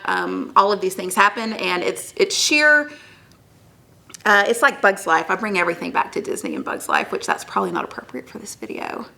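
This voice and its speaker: A woman telling a history story as a lesson in an animated, chatty way, full of asides. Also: mid-range voice, vocal fry. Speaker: history teacher.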